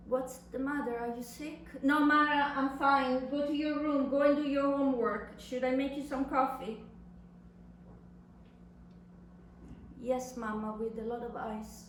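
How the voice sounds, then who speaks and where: On stage at a live reading, a woman performs a dramatic literary monologue as an anguished young adult daughter speaking to her mother. Her high voice sounds wistful and pained, with an impassioned, deliberate, theatrical delivery and long pauses. The recording is echoey, from a distant mic in a reverberant indoor venue, with faint noise.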